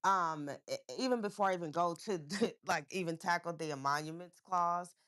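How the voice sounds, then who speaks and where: Low-voiced woman joining a debate. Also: moderate pace, fairly bright tone. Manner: hesitant, with fillers. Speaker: debate participant. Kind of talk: casual debate.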